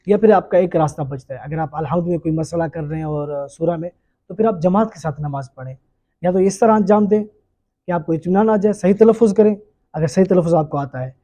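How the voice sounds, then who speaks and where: A man teaching the rules of prayer in a patient lecture, repeating each point and pausing with fillers. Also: a little high, dark tone. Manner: frequent hesitation fillers. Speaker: religious teacher.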